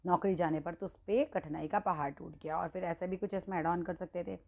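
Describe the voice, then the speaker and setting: Her voice is lowish and darkish, fairly quick and fairly even in intonation, with some vocal fry. A Hindi teacher, she runs a casual exam-prep session on idioms, speaking straight to the students, checking in regularly and correcting her own slips.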